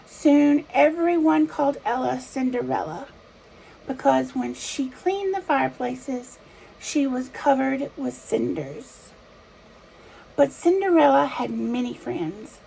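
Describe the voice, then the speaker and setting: A woman storyteller narrating in a measured, simple fairy tale opening manner for small children, with a creaky voice. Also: high voice, mellow, a little hiss or hum, rough recording.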